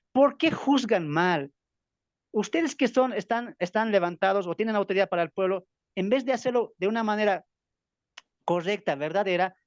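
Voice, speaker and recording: A man's voice: high-pitched, dry recording, lo-fi sound. A man from Bolivia with a Bolivian Spanish accent, teaching a Bible study lesson and firing rhetorical questions he answers himself. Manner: emphatic, keeps asking rhetorical questions and answering them.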